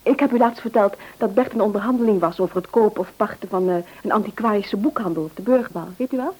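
In a radio play, a woman voices Annie, a dutiful, eager married adult daughter who is chatty and polite, earnest but hesitant when asking favours. Her mid-range voice is a little mellow, husky and natural, and she talks fast. The audio is poor.

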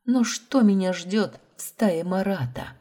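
A woman's voice: medium pitch, measured pace, warm tone, voice pushed up, natural voice. A woman reading the lines of a desperate, heartbroken young heroine, pleading and tearful. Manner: pleading, tearful, rising to outbursts.

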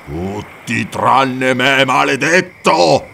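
A man's voice: medium pitch, sing-song, normal speed, vocal fry, bright, forceful tone, distant mic, slight background noise, heavily acted. A man voicing a furious, vengeful barbarian warrior who snarls and rages in an audiobook. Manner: snarling, raging, frenzied.

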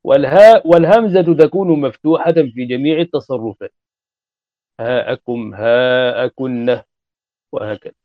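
A man giving a classroom grammar lecture, repeating and spelling out word forms deliberately. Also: on the high side, big pitch swings, no echo. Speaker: grammar teacher. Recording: dull lo-fi recording.

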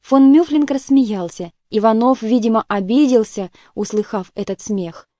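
A woman narrates a literary novel with measured, even storytelling. Her voice is warm and mellow yet pitched fairly high, recorded dry and close with no room sound. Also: no room sound. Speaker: audiobook narrator.

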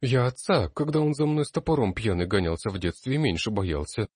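A man voicing a frightened young male student in an audiobook, breaking into shrill, panicky outbursts. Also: a little fast, a little mellow, breathy edge, no room sound, studio quality. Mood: shaken. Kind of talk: audiobook character voice.

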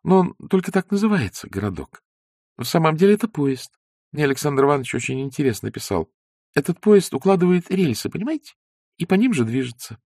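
Man putting on a young woman's voice, raised high, coy, teasing, lively lilt, storybook reading. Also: fairly quick, no room sound, studio quality.

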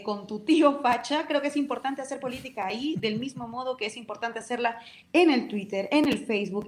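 Passionate Peruvian woman, echoey room. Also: a little high. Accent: Peruvian Spanish. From Peru. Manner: passionate, vehement. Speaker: guest. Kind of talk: radio interview.

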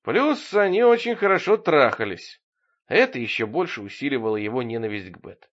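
Animated male audiobook narrator. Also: mid-range voice, moderate pace. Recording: dull lo-fi audio.

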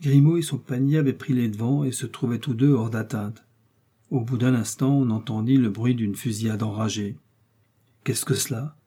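A male narrator reading a classic novel aloud as an audiobook. His voice is dark and mellow with a husky edge. He keeps a steady, even storytelling pace. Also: medium pitch, normal speed.

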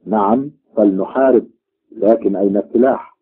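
A man's voice: fairly low pitch, moderate pace, husky. A man voicing an indignant, hot-tempered thunder god, on a tinny, phone-like recording. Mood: forceful. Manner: forceful and indignant.

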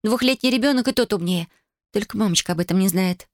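A woman's voice: mid-range voice, fast, dry recording, studio quality, voice pushed up, natural voice. A woman reading an audiobook voices a playful, mocking teenage girl who teases her family. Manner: mocking, giggly, exclaiming.

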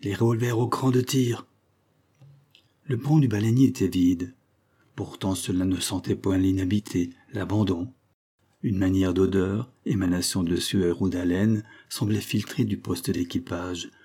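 A man narrating a literary sea story in a measured reading voice. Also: low voice, fairly even intonation, warm tone, breathy edge. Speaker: audiobook reader.

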